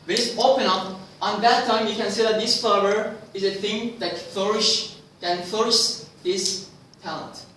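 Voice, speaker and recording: A man's voice: sits high, steady tone, a little slow, few pauses, pushed and bright, a little hiss or hum. A young man gives a prepared personal speech at a club, asking the audience questions and restarting phrases as he goes. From Pakistan. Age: 20s. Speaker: club speaker. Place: club meeting room. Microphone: distant mic. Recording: very echoey room, distant mic.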